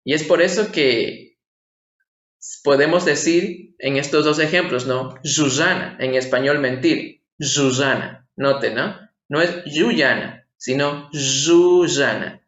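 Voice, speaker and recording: A man gives a patient online language lesson, his fairly high voice stopping often to ask his viewers rhetorical questions. The room has a noticeable echo. The sound is somewhat dull and lo-fi. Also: unhurried, fairly bright tone. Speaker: language teacher. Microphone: screen-share voice-over.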